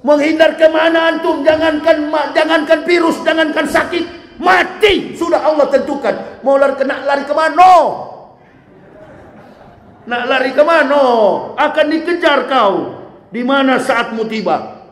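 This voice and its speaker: A man in his fifties preaching a lively, joking sermon in a mosque, swinging between shouts and quiet asides. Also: extremely high pitch, unhurried. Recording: echoey hall.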